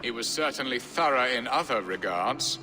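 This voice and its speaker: For a game cutscene, a man portrays a florid, middle-aged English nobleman, a weary husband whose mood is wry and wistful. The delivery is theatrical and sardonic, in an expressive mid-range voice with a sharp tone at normal pace. Music plays beneath long hall reverb.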